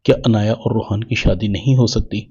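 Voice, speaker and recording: A man reading the lines of a calm young husband and elder brother in his own plain voice. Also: fairly low pitch, breathy edge, dull audio.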